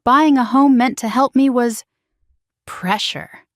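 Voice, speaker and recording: A woman's voice: sits high, steady tone, moderate pace, no echo, studio quality. A woman narrating a dramatic first-person family story in a tense, clipped way.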